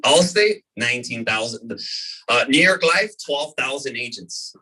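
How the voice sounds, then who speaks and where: A man in his thirties, from the California desert, giving an energetic live sales presentation to a room. He keeps repeating his points and asking "right?". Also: mid-range voice, measured pace, husky. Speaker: presenter at a business opportunity meeting. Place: meeting room before an audience. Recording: voice from far off in a room.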